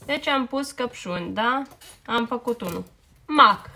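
A mother patiently helping her young child with homework, repeating words slowly and checking understanding as she goes. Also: a little high, lively intonation, bright, forceful tone, a little hiss or hum. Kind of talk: casual coaching at home.

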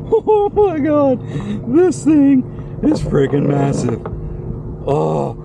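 A middle-aged man, excitedly fishing from a kayak outdoors and talking to the fish, recorded on a kayak-mounted camera. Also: very high voice, extremely slow, gravelly. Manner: excitable, talks to the fish, exclaims loudly. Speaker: kayak angler. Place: kayak on open tidal water, outdoors. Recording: loud wind and water noise outdoors. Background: wind and water.

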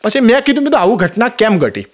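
High-voiced, fast-talking Gujarati comedian. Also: male voice. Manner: rapid, animated anecdotes with quoted dialogue. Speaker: stand-up comedian. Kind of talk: comic storytelling monologue.

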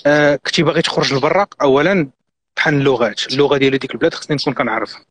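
A middle-aged Moroccan man talks at a breakneck pace on a live stream. His voice sits at an ordinary middle pitch. He gives earnest, insistent advice and slips French and English words into his speech. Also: racing, a bit bright, husky, dry recording. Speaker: guest.

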